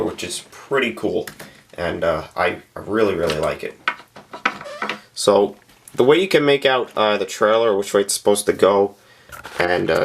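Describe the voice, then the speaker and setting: A man narrating a casual, unscripted review of a scale model, speaking plainly with frequent pauses and filler sounds. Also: low voice, creaky, a little hiss or hum. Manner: plain-spoken and candid.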